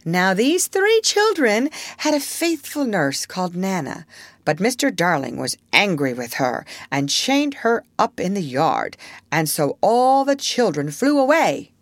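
A woman's voice: mid-range voice, sing-song, a little slow, no room sound, pitched above the performer's own voice. A woman voicing an earnest, motherly young girl who tells a storybook tale in a prim, theatrical way. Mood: patient, instructive. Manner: theatrical, prim, hushing her listeners.

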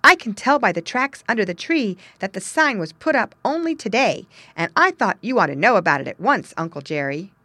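A woman's voice: medium pitch, very animated, brisk, hardly any pauses, bright, forceful tone, no echo. A woman voicing an earnest, shrewd young male beaver in a storybook reading, speaking insistently and with emphasis. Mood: urgent.

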